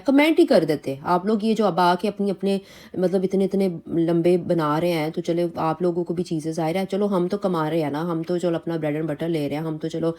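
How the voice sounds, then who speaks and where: A woman's voice: medium pitch, mellow. A woman reaction vlogger with a Pakistani Urdu accent, giving heated commentary on online drama and rambling indignantly with many restarts.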